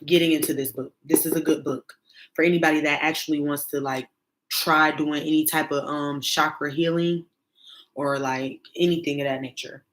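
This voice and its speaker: Low-voiced woman, halting casual talk. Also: steady tone, poor audio. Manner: halting, many restarts and fillers. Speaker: tarot reader. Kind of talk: casual spiritual vlog chat.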